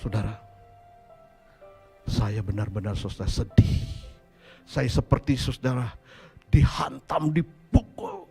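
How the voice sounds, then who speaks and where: A man in his fifties from Indonesia, a pastor preaching a sermon and telling a story, acting out quotes with sudden loud shouts. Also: mid-range voice, wildly swooping pitch, a little slow, gravelly, soft background music.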